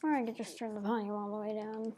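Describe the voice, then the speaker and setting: A woman's voice: medium pitch, fairly even intonation, fast talker. Playful gamer girl on a noisy stream. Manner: playful, silly, bubbly asides. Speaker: game streamer. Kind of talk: casual live gaming stream chat.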